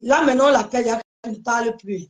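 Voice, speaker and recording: A woman's voice: a little high, quick pace, highs cut off. A woman hosting a casual live stream, speaking emphatically to her viewers and often repeating her phrases.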